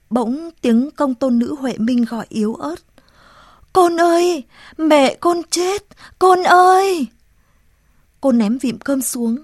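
A woman narrates a story in a measured, solemn way. Her voice sits a little high, recorded close in a dry, dead room. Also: a little mellow, no room sound. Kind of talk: audiobook narration.

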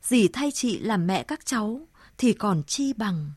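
A woman's voice: medium pitch, lively intonation, takes it slowly, darkish tone, husky, dry recording, clean studio sound. A woman voicing a sorrowful old grandmother, murmuring tenderly to her dead daughter in a storybook reading. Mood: grieving. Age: older.

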